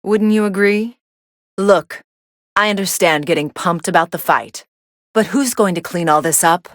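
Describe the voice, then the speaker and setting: A woman's voice: on the low side, a little slow, no room sound, lightly acted. Woman voicing Android 18, dry and unimpressed. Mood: dry, mildly impressed. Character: cool, sardonic young female android fighter commentating matches. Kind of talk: English anime game voice acting, match commentary.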